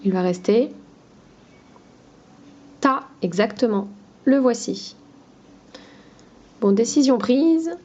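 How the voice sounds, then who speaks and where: A woman teaching a phonics lesson to young children, talking slowly and patiently in a sing-song voice. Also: on the high side, animated, darkish tone, muffled recording.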